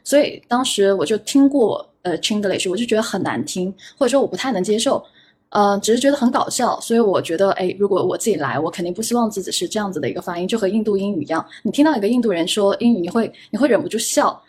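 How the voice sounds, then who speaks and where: A woman with a husky, slightly breathy voice hosts a podcast and recounts a personal story. She talks casually and self-deprecatingly, stumbling over repeated words as she thinks aloud. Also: mid-range voice, animated, quick pace, darkish tone. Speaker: podcast host. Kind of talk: reflective casual chat.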